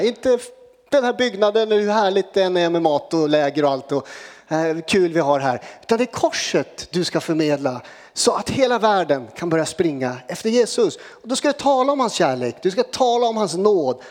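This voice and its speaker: A young man with a high, bright-pitched voice preaches energetically, joking with the congregation and then moving into prayer. His voice rings out with a long reverb tail, as in a large church hall. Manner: lively preaching, jokes with the congregation. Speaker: pastor. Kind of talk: sermon with prayer.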